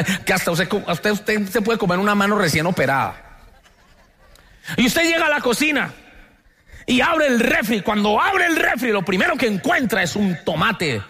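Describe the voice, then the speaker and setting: In a lively sermon, a Colombian pastor whose voice sits high gets the congregation to echo his lines. He speaks with a Colombian Spanish accent.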